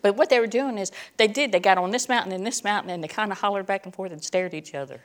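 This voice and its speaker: A woman's voice: mid-range voice, quick pace. A middle-aged woman teaching a Bible lesson in a chatty sermon style, reading verses and adding joking, self-deprecating asides.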